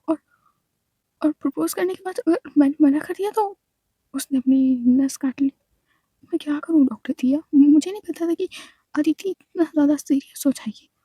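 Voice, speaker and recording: A woman's voice: high-pitched, mellow, no echo, close to an everyday voice. A woman voicing a guilt-ridden young woman who pleads and explains through tears in a storybook reading. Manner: pleading, tearful, insistent.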